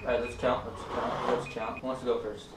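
A man's voice: mid-range voice, flat delivery, brisk, noisy background. A young man hosting a challenge video, chatting casually with friends. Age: young adult. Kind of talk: casual chat among friends. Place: small room and kitchen indoors. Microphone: camera at a distance. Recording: roomy echo, distant camera mic, music behind.

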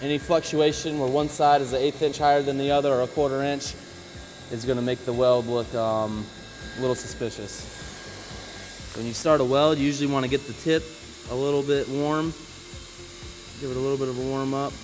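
A man who installs flooring, giving a casual on-the-job demonstration, relaxed and practical as he talks while working. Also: mid-range voice, fairly quick, slight background noise, low-quality recording. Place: indoor work floor.

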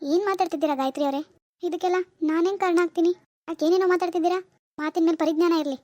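A woman's voice: very high voice, fairly even intonation, very fast, a little mellow, no echo. A woman voicing a grieving, defensive mother-in-law in a cartoon. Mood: indignant. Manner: wailing laments, then stern rebukes. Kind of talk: animated cartoon voice acting.

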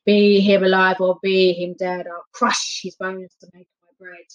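Brief: menacing storybook giant, slow chant, mid pitch, read by a woman, muffled sound. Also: level tone, close to an everyday voice. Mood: roaring. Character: wicked man-eating male giant, roaring. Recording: dull lo-fi recording.

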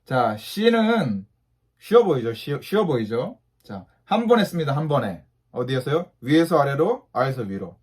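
A man's voice: mid-range voice, very animated, normal speed, husky. A man giving a patient beginner English lesson to mothers, saying each letter and asking the listener to repeat it three times.

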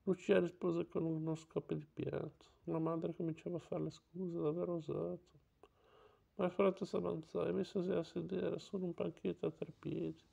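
A man's voice: a little high, little pitch movement, normal speed, vocal fry, dark tone, rough recording. A man reading a classic novel aloud, with small slips, self-corrections and casual asides.

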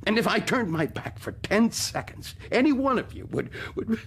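A man's voice: high voice, big pitch swings, a little slow, a bit bright, slightly rough, heavily acted. An actor playing a tormented, paranoid man in a radio drama, intense, volatile and bitter. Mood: anguished. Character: Ted, paranoid, tormented male survivor who narrates.

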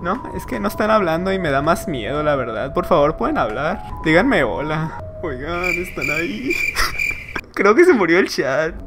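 Mexican male streamer, nervous and swears a lot, very lively pitch, talks straight to chat. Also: normal speed, over loud music. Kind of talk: live gameplay commentary.

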